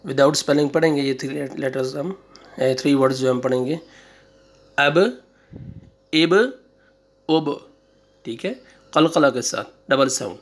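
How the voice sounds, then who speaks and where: A man with a Pakistani Urdu accent teaching a Quran reading lesson, slowly drawing out syllables for pupils to repeat and then adding quick explanations. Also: medium pitch, fairly even intonation. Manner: slow, drawn-out drilling of syllables with quick asides. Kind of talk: online recitation lesson.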